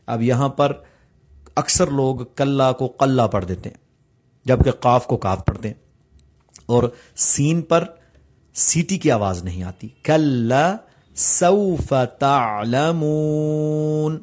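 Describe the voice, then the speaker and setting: A man teaching tajweed, explaining the rules plainly and reciting the examples slowly. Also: medium pitch, lively intonation, a little mellow.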